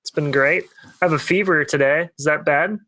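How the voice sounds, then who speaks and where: A man's voice: a little high, moderate pace, sharp tone, no echo. A young man, co-hosting a casual podcast and telling a long rambling story full of fillers. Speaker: podcast co-host. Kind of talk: casual storytelling among friends.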